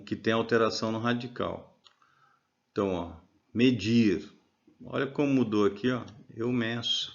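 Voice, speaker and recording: A man's voice: fairly low pitch, dull audio. A man teaching a grammar lesson over slides, explaining patiently and often checking that listeners follow.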